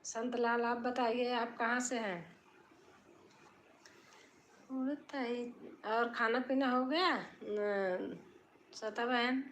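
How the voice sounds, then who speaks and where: A middle-aged woman with an Awadhi accent, live-streaming from a room at home, singing folk songs and chatting softly with viewers between songs. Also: a little high, fairly even intonation, drawn-out words, pauses often, a little hiss or hum.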